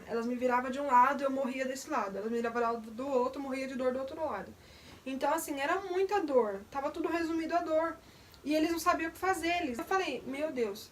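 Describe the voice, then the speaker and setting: A woman's voice: high voice, far from the mic, a little hiss or hum. A young woman, candidly recounting a personal testimony in detail. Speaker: vlogger. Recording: voice a bit off the mic.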